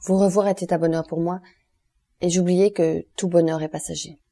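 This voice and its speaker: A woman voicing a calm, mysterious middle-aged count in an audiobook, with a low, measured and restrained delivery. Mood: grave, calm.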